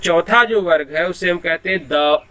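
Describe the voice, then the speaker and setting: Bright-voiced male Hindi teacher. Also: high-pitched, measured pace. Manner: explanatory, habitually repeats a filler phrase; sounds out letters one by one. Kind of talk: online class lecture.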